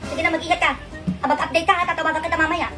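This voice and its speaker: A woman's voice: very high voice, steady tone, racing. A woman acting as a bossy, sarcastic mother in a comedy skit, with music underneath.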